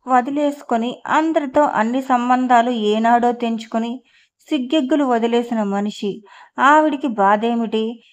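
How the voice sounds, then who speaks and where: Woman voicing a furious, sharp-tongued wife. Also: high-pitched, highs cut off. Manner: scolding, confrontational.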